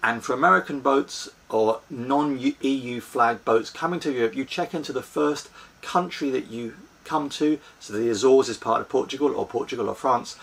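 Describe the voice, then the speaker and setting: A man's voice: medium pitch, normal speed, creaky, fairly bright tone, husky. A man in his forties, seated in a small sailboat cabin, earnestly explains practical tips to a fixed camera close by. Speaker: sailing vlogger. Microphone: fixed camera at close range.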